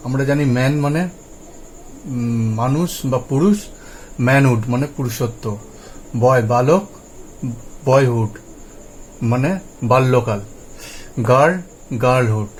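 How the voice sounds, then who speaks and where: A man teaching English pronunciation and word meanings, patiently repeating words for practice in a slow drill. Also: mid-range voice, a little hiss or hum, low-quality recording. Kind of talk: Bengali-language lesson, spoken explanation.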